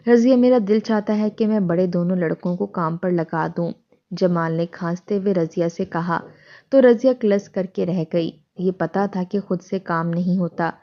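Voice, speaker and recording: A woman storyteller with a low voice reads a dramatic story in a steady, scripted way. The recording is dull and lo-fi.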